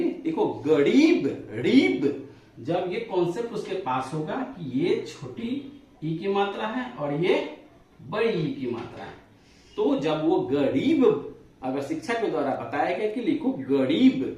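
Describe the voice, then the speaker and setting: A man teaches slowly in a very echoey room, heard from some distance off the mic. His pitch sits high and swings widely. He explains step by step and drags out vowel sounds so his listeners can repeat them. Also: a little mellow. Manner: stretches and stresses sounds to show long and short vowels. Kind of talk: spoken classroom lesson.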